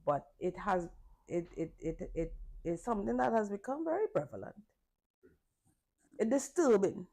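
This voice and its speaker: A woman's voice: mid-range voice, normal speed. A middle-aged woman with a Trinidadian accent, a calypsonian guest talking casually and often repeating herself for emphasis. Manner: relaxed, repeats phrases for emphasis. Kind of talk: casual conversation.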